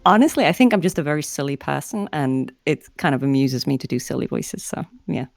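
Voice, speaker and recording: Giggly low-voiced woman voice actor. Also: brisk, creaky, a little mellow, no room sound, faint music behind. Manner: giggly, chatty, self-deprecating. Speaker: voice actor, guest. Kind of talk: casual interview chat.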